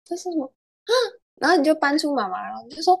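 A young woman, a podcast guest telling stories in a giggly, animated way. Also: sits high, rapid-fire, vocal fry. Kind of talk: casual chat.

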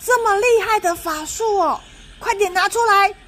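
A woman's voice: normal speed, fairly bright tone, slight background noise. A woman reading a children's storybook aloud, voicing an eager little sister who urges her brother on. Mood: excited. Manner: eager, high, bossy. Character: excited little girl, younger sister.

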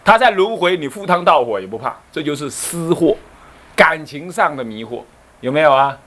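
Man, buddhist abbot, dharma lecture, lively swinging pitch, fairly high voice. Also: moderate pace. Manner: animated storytelling, rhetorical questions.

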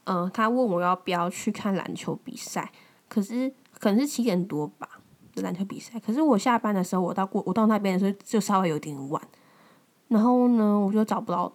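A young woman in her twenties from Taiwan, hosting a podcast and telling a personal story in a loose, conversational way, full of fillers and restarts. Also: mid-range voice. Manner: conversational, many fillers and restarts, rises when retelling angry lines. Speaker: podcast host. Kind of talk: casual storytelling monologue.

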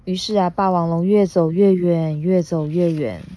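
A woman's voice: on the low side, fairly even intonation, normal speed. Woman reading a picture book aloud. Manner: gentle, asks the child questions. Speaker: podcast host reading picture books to a child.

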